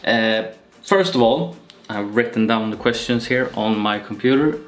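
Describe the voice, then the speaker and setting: A young Swedish YouTuber with a fairly low voice talks to camera slowly and casually in a home vlog, using lots of pauses and fillers. He's indoors in a small room with shelves, recorded on a camera-mounted shotgun mic.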